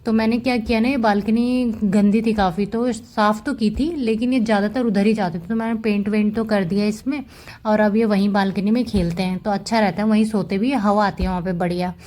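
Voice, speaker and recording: A woman's voice: medium pitch, steady tone, fairly quick, warm tone. A woman giving a casual, chatty voice-over about her pet cats, fond and explaining as she goes. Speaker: cat vlogger.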